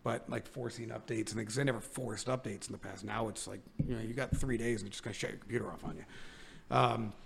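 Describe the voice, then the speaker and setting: A man's voice: fairly low pitch, fairly even intonation, vocal fry, a little hiss or hum. An American man co-hosting a tech podcast, rambling in casual chat, joking at his own expense and laughing often. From United States. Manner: rambling, self-mocking, quick to laugh. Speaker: podcast co-host.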